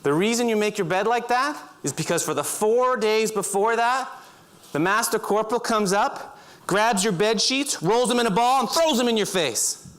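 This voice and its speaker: A middle-aged man telling vivid second-person stories on a stage, breaking into loud shouts. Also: sits high, normal speed. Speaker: speaker. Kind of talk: storytelling talk. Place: auditorium stage.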